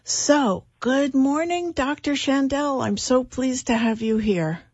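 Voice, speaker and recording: A woman's voice: high voice, slow pace, a little mellow, husky, dry recording. A woman hosting a radio talk show, gushing and welcoming toward her guest. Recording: dull lo-fi radio audio.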